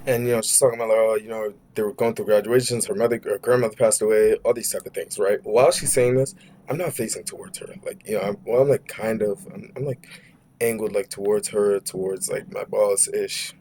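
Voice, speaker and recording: A young man with a New York accent telling a personal story to camera in an animated, rambling way, full of "like", "bro" and "right?". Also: lowish voice, fairly quick. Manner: animated, frequent restarts. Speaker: vlogger. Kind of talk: casual storytime monologue.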